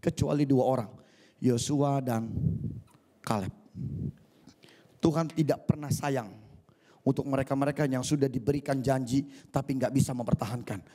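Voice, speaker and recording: A male pastor preaching a sermon for an online church service, lively and acting out scenes, with English phrases mixed in. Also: mid-range voice, normal speed, long pauses. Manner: animated, acts out scenes, mixes in English phrases.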